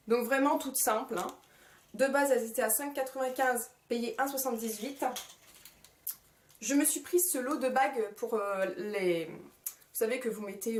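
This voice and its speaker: A vlogger with a fairly high, darkish voice runs through a shopping haul in casual style, gushing with frequent fillers and repeated praise. It was recorded on a camcorder mic in a roomy, echoey room.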